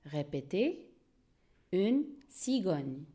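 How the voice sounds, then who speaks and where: A woman teacher giving an early-reading lesson, speaking slowly and clearly and repeating each word for learners to echo. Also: fairly low pitch, sing-song, dark tone. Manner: slow, clear, repeats words for pupils to echo.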